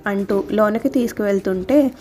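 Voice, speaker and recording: A woman reading a story aloud as a storyteller, steady and scripted. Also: medium pitch, normal speed. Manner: reads all characters' lines in her own voice. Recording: soft background music.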